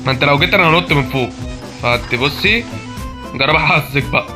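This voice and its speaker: A man's voice: a little high, quick pace. A man with an Egyptian Arabic accent commenting on a horror game as he plays, panicky and pleading with himself. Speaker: gamer. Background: violin game music.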